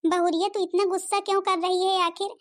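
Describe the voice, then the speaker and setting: A woman's voice: very high-pitched, flat delivery, fairly quick. A woman voicing a fretful, self-pitying old mother-in-law in a cartoon, complaining plaintively. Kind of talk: Hindi cartoon voice acting.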